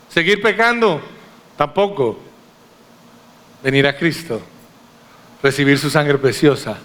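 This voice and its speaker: A man with a medium, slightly bright voice preaches a sermon to his congregation in church. As pastor, he is emphatic, using rhetorical questions and addressing listeners directly.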